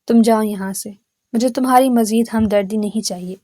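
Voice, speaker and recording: A stern, brooding young man speaks curtly and scolds in a storybook tale, voiced by a woman narrator. The voice stays fairly high with little change for the role. It is recorded close and dry. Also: steady tone, darkish tone, no echo, close to an everyday voice. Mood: irritable.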